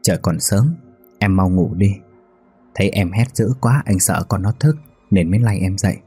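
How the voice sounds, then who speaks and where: A man with a deep, warm, husky voice playing a gentle young husband who soothes his wife. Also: normal speed, soft background music, heavily acted. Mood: soothing.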